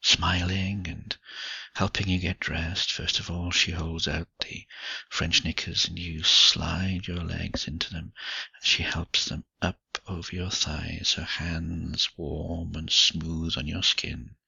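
A man telling a slow, intimate second-person story in a hushed, breathy voice that often drops to a whisper, on a dull lo-fi recording. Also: low-pitched, little pitch movement, no room sound.

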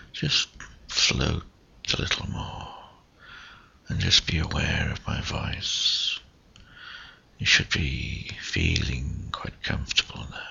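A man speaking in a breathy, intimate whisper right in the listener's ear, coaxing and hypnotic, in the style of sensual relaxation audio. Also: sharp tone, lo-fi sound. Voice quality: breathy, husky, gravelly low voice. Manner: slow, coaxing, hypnotic delivery with short phrases.

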